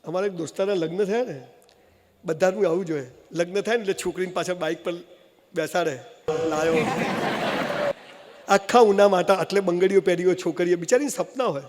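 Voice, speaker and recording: High-voiced man giving a humorous motivational speech. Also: brisk, long pauses. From Gujarat, India. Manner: animated storytelling, jokey asides. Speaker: motivational speaker. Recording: long hall reverb, faint noise.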